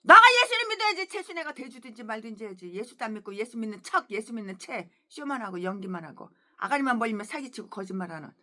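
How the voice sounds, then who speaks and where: A woman pastor preaching a sermon in a fiery, scolding way, full of crude insults, moving between quiet asides and shouts. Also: mid-range voice, expressive, fast, few pauses. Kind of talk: expository sermon.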